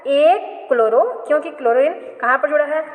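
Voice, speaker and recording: A woman's voice: sits high, normal speed. A woman chemistry teacher giving a classroom lecture, asking questions and answering them herself, often repeating and correcting herself. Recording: echoey room, long reverb.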